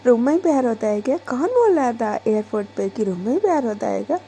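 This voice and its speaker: A woman's voice: fairly high pitch, very animated, fast, dark tone, slight background noise. A woman voicing a clingy young wife who coaxes and pleads with her partner in a told love story. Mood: teasing. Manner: pleading, coaxing. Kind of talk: storytelling with dialogue.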